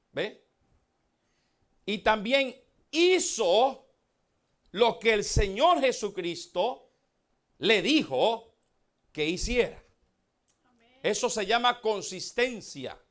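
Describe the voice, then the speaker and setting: High-voiced preaching man, slow and emphatic. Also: fairly bright tone. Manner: preaching with dramatic swings of volume and slow emphatic words; addresses the congregation as beloved brothers. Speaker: pastor. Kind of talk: sermon.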